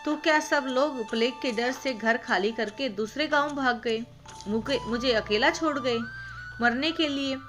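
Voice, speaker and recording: Frail, pleading old village man for a storybook, read by a woman, higher voice over background music. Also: measured pace, a bit bright. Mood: distraught. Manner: pleading, then earnest and heartfelt.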